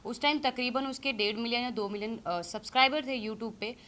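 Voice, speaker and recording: Measured critical woman in her thirties. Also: fairly high pitch, a bit bright. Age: 30s. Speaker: interview guest. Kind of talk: casual interview talk.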